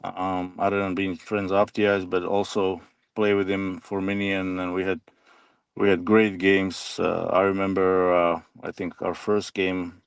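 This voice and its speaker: A man, a former hockey player reminiscing in a halting, soft-spoken way as an interview guest. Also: sits low, little pitch movement, vocal fry, clear, resonant tone, no room sound. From Slovakia.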